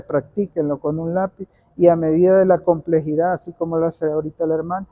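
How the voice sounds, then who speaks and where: A man's voice: on the high side, dark tone, lo-fi sound. A man leading a training workshop for church readers, talking informally to a group, repeating key points and answering questions from the room. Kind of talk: informal instructional talk to a group. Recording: echoey hall with long reverb.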